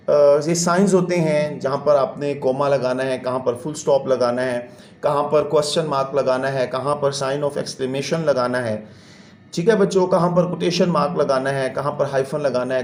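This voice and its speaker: A man's voice: medium pitch, fairly even intonation, normal speed, a little mellow, echoey room. A man, teaching a classroom lesson and explaining patiently step by step. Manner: patient, explains step by step, counts syllables aloud.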